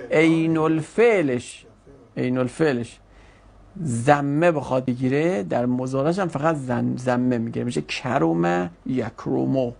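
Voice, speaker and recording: A male teacher with a slightly raised, gravelly voice runs a grammar lesson in a classroom. He fires quick questions at his students and corrects them firmly. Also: on the high side. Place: classroom with a board.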